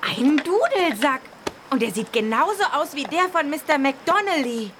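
A high-voiced, sensible young female friend. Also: animated, moderate pace, background noise. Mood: dismissive. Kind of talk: children's audio drama.

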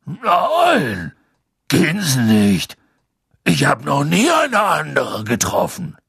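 Guy doing a big gruff half-giant, gravelly and raspy, slow and swinging up and down, dry sound. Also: huge pitch swings, fairly bright tone, dry recording, exaggerated voice. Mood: pleading. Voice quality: gravelly, husky deep voice. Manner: slow, halting, homely speech. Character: huge gruff half-giant gamekeeper, male, lonely. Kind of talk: audiobook character voice.

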